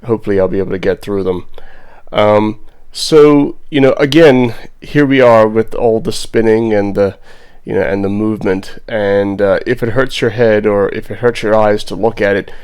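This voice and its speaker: With a clean, darkish voice on the low side, a man from Bermuda talks at a moderate pace in his vlog as a digital artist. The commentary wanders casually, delivered in a laid-back, self-deprecating style.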